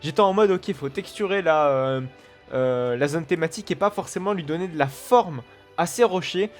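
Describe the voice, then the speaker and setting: A man's voice: a little high, normal speed, soft background music. A man hosting a let's play, giving casual, rambling commentary full of fillers and restarts.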